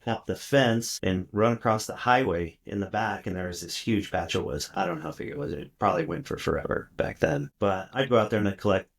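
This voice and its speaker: Low-voiced man telling rambling stories. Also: fairly quick, few pauses. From South Texas. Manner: rambling with many fillers and restarts. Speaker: podcast guest. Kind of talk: casual storytelling interview.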